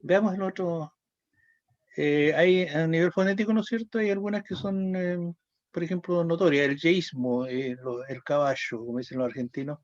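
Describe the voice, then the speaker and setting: A man's voice: on the high side, moderate pace, no echo, highs cut off. A man with a Chilean accent giving a school lesson, explaining step by step and checking in with "¿ya?" and hesitant "eh" sounds. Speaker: teacher. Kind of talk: lecturing a class.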